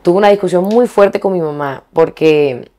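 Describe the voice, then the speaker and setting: A woman's voice: on the low side, normal speed, warm tone. Frank young woman singer. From Colombia. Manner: frank, colloquial, reflective with hesitant restarts. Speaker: vallenato singer, interviewee. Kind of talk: candid interview conversation.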